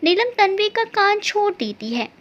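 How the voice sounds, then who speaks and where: A woman narrates a family story in an expressive, scripted reading. Her voice is very high and moves widely in pitch. The recording has a dull, lo-fi sound. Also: normal speed.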